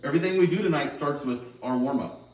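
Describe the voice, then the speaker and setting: A man's voice: on the high side, fast, darkish tone. Echoey, distant man giving a pregame pep talk. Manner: plain-spoken, instructive, often checking with okay. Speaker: high school girls' basketball coach. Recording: roomy echo, distant microphone.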